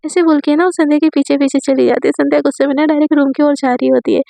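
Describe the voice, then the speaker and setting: A woman narrating a romance story in a casual, chatty way, with a dry throat from fasting. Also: high-pitched, steady tone, gravelly, dark tone, dry recording.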